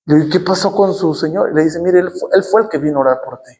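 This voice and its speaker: High-voiced Mexican pastor preaching. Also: male voice, quick pace, a crowd in the background. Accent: Mexican Spanish. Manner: storytelling, rising to passionate shouting. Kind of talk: sermon. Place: church.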